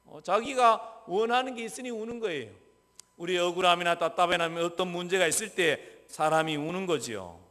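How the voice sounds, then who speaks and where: A man pastor preaching a sermon in a church, questioning the congregation and answering himself, dropping from loud emphasis to soft asides. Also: sits high, fairly quick. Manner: swings between loud emphasis and soft, near-whispered asides. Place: church sanctuary. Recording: long reverb of a church hall.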